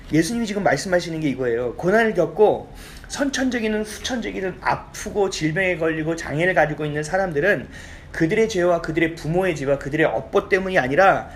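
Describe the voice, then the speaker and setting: Male pastor, chatty lively delivery, keeps asking the congregation to agree, faint church ambience. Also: on the high side, slight background noise. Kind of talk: conversational sermon. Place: church sanctuary.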